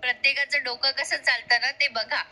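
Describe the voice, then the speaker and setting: A woman's voice: high voice, fairly even intonation, normal speed, pushed and bright. A woman retelling a TV serial episode in a chatty recap, talking straight to her viewers. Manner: chatty, addresses viewers directly. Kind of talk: casual storytelling recap.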